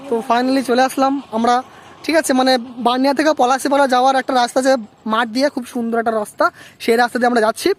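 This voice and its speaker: This young Bangladeshi travel vlogger speaks rapid-fire in a very high voice with a flat delivery. He chats casually with viewers while riding outdoors on a rural road, keeps checking in, and often asks them "okay?".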